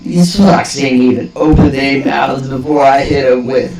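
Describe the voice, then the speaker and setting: A man's voice: medium pitch, unhurried, creaky, darkish tone. A man delivering a mock-philosophical comedic rant in profane bro slang, with hammy, theatrical emphasis and swagger. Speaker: host of a comedic monologue. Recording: roomy echo, music behind.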